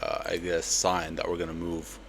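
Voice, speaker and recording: A young man with a slight lisp walking through a trade in a casual, relaxed way, with lots of fillers. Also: sits low, normal speed, slight background noise. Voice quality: slight lisp from a palate expander. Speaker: trading educator. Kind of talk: screen-recorded trade breakdown.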